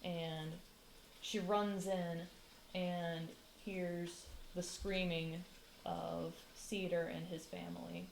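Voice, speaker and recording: A woman narrating as game master of a tabletop game, relaxed, with frequent ums. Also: on the low side, very slow, vocal fry, reverberant, slight background noise, poor audio.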